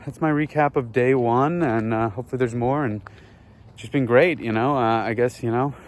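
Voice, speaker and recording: A man vlogging outdoors while walking through a neighborhood, rambling dryly with lots of fillers in a deadpan satirical way. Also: medium pitch, moderate pace. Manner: rambling, many fillers, dry.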